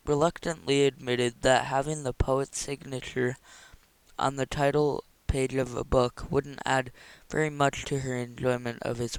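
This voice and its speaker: A man reading a novel chapter aloud in a steady, even narration. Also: mid-range voice, smooth, dry recording, poor audio. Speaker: audiobook reader.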